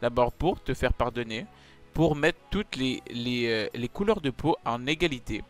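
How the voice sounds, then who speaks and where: A man hosting a comedy chat, pleading and insistent, swinging from mumbles to shouts. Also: mid-range voice, animated, moderate pace, soft background music. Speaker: YouTuber host.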